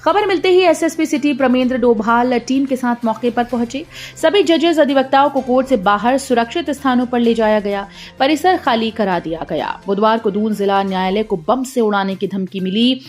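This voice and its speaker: A woman with a fairly high voice reads scripted news headlines one after another. Her delivery is steady and formal, like a bulletin. Faint music plays under her voice the whole time. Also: moderate pace. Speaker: news reader.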